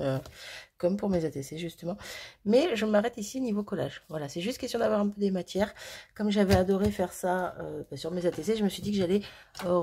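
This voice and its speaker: A woman's voice: on the low side, a little mellow, slightly rough. A woman hosting a crafting video, chatting casually and thinking aloud with fillers and little laughs as she works. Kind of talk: casual crafting tutorial chat.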